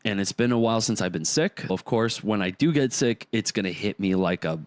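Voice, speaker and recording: Male podcast co-host, under the weather with a sore throat, low and dry, joking and loose. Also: a little fast, no echo. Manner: breezy, joking, mildly profane. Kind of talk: casual podcast chat.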